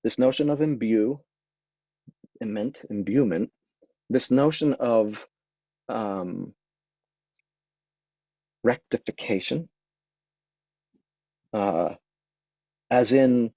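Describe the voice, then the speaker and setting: A man with a cold gives an informal lecture on Taoist medicine, sniffling and speaking thoughtfully with lots of ums and restarts. His mid-range, darkish voice moves very slowly with frequent pauses. It was recorded on a microphone with a dull, dry lo-fi sound.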